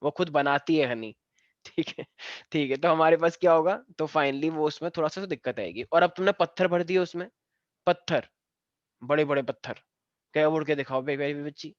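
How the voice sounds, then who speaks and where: A man's voice: fairly high pitch, moderate pace, dry recording, muffled recording. A man teaching a science class, explaining step by step and joking with his students. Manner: playful, joking and teasing students. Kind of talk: live online class lesson.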